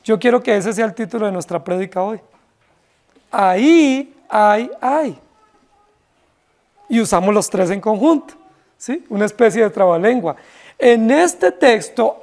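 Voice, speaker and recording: A man with a Colombian accent, preaching an expository sermon to his congregation in a church. He speaks emphatically and keeps checking in with his listeners through rhetorical questions. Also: very high voice. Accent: Colombian Spanish. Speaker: pastor.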